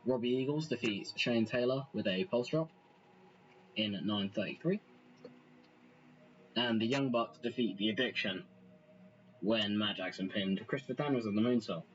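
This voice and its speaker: A man's voice: fairly low pitch, moderate pace, long pauses, muffled recording, a little hiss or hum. A man casually narrating a wrestling management game, rambling and self-deprecating as he goes. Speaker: let's play host.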